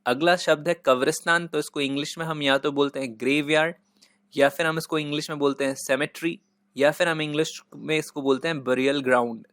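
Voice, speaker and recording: A man's voice: fairly high pitch, steady tone, fairly quick, fairly bright tone, no room sound, clean studio sound. A man who teaches vocabulary in Hindi, patiently repeating each word and spelling it out letter by letter. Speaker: English teacher. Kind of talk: Hindi-English vocabulary lesson.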